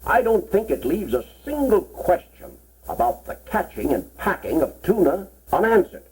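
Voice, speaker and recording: A man's voice: high voice, big pitch swings, moderate pace, a little mellow, breathy edge, exaggerated voice. A man playing an impressed businessman in a 1940s promotional film, talking in an appreciative, conversational way. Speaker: visiting businessman viewing the film. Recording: muffled, worn 1940s film soundtrack.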